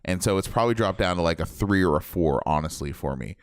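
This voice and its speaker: Young man, podcast co-host, low smooth voice, dry close mic, rambling casual chat. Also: quick pace, no echo. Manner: animated, rambling, jokey. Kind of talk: casual film review chat.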